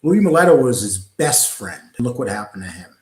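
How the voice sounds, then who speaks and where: A man's voice: medium pitch, big pitch swings, normal speed, darkish tone. Chatty New man in echoey room. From New York. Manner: talkative, digressive, frequent ums and uhs. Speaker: host reading live chat. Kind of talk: casual live-stream chat.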